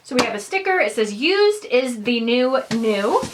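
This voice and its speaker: A young woman vlogger chatting casually and excitedly through an unboxing, rambling as she goes. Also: on the high side, normal speed, rough recording. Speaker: fashion vlogger.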